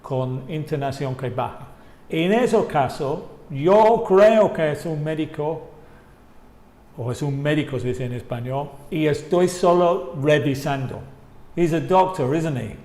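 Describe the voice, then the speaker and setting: A native English-speaking man gives a slow, unhurried lesson in Spanish, his voice sitting a little higher than most men's. He patiently repeats example phrases to show how the intonation rises and falls. The room around him sounds echoey. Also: dark tone. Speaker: English teacher. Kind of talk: online language lesson.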